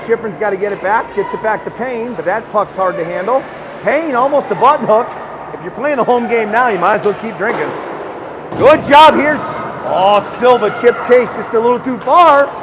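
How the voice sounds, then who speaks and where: A man calling a hockey game live, excitable and chatty, shouting on scoring chances and joking with the listeners. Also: high-pitched, normal speed, noisy background. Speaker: play-by-play commentator.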